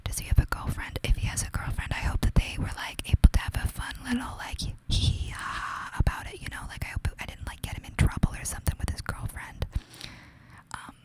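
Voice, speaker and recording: Speaking briskly on a low-quality recording, a young woman from New York whispers a chatty, gossipy ASMR story with a confiding feel. This young adult creator often drops "like" into her speech, in her New York accent.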